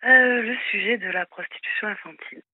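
A woman in her thirties from southwest France with a southwestern French accent, calling in to a radio show and speaking hesitantly with many pauses. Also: medium pitch, no echo. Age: 30s. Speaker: caller. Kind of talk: radio call-in conversation. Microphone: telephone. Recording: tinny phone line, dry.

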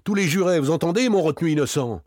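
A man voicing a frightened, shifty male servant accused of murder, stammering and protesting in a high voice. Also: lively intonation, fairly quick, darkish tone, husky, no room sound, clean studio sound. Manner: stammering, whiny, protesting shrilly.

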